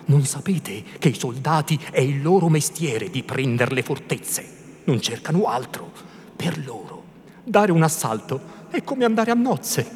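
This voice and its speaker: Timid, anxious old priest, put on by a male reader; fussy, hushed scolding, faint noise of a large hall. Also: on the high side, animated, unhurried. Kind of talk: theatrical literary reading.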